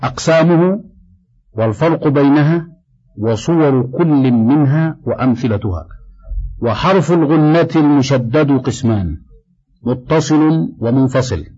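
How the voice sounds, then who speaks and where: A man reading a tajweed textbook aloud, steady and measured, slowing down to recite quoted verses. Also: medium pitch, slightly rough, highs cut off. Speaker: Quran recitation teacher.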